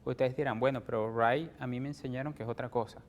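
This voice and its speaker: A man's voice: mid-range voice, steady tone, fast. A man with a Venezuelan Spanish accent teaching an English grammar lesson, explaining step by step and checking in with "ok?" after nearly every point. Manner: explains step by step, ends phrases with "¿ok?". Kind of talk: televised classroom lesson.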